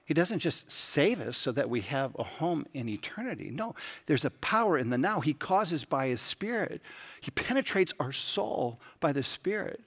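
A man's voice: fairly high pitch, sing-song, normal speed, a bit bright, husky. A man preaching a sermon in a church, telling stories in an earnest, conversational way. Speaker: pastor. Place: church sanctuary.

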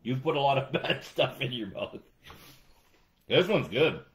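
A man co-hosting a casual snack taste-test chat, joking with quick asides and frequent laughs. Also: medium pitch, lively intonation. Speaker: co-host.

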